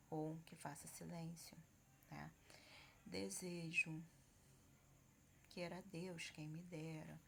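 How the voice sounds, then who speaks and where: A woman's voice: fairly low pitch, creaky, fairly bright tone, a little hiss or hum. A woman teacher explaining grammar in a patient, explanatory way, often checking in with her students. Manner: explanatory, frequent check-ins. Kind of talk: grammar lesson.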